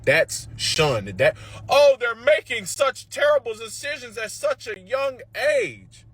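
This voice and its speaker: A man's voice: very high voice, sing-song, slow pace, fairly bright tone, breathy edge. Profane, combative man ranting. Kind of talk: heated reaction rant.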